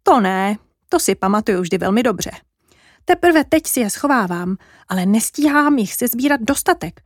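A small, fretful jay bird from a storybook, her voice raised and hurried with worry, a woman putting her on. It stays close and dry, with no room around it. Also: fairly high pitch, animated, dry recording.

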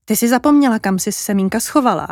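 A woman's voice: a little high, a little mellow, no room sound, studio quality, natural voice. A woman voicing a curious, kind little girl in a children's story. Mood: eager.

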